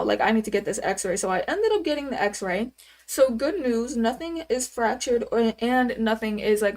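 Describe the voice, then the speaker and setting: Brief: young woman in her twenties, casual streamer, higher voice, rambling and full of fillers. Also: a little mellow. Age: 20s. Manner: chatty, rambling, answers chat questions with many fillers. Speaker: livestreamer. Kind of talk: casual live-stream chat.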